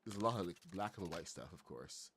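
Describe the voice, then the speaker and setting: Man from Barbados, middle-aged, deep low voice, rambling casual stream chat, lots of ums, faint background noise. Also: lively intonation, fairly quick. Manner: rambling, filler-heavy, greets chat loudly. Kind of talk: casual gaming livestream chat.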